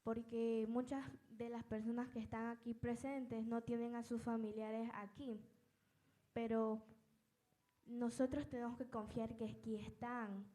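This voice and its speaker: A woman preaching a personal testimony sermon, telling her story in a halting way with many restarts and repeated words. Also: fairly high pitch, level tone, mellow, low-quality recording. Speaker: lay preacher.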